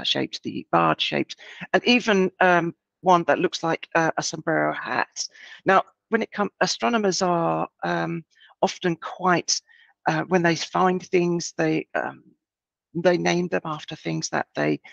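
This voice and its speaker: A woman giving an astrophotography presentation with her gruff early-morning voice, talking in a halting way with many ums and restarts. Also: low voice, fairly bright tone, no room sound. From United Kingdom. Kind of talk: online presentation talk.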